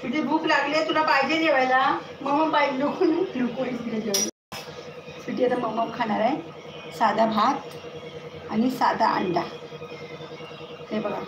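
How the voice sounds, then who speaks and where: A woman's voice: sits high, steady tone, measured pace, pauses often, dull audio. A woman chatting at home in a casual vlog, coaxing and scolding her pets. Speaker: home vlogger. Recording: echoey room with loud background noise.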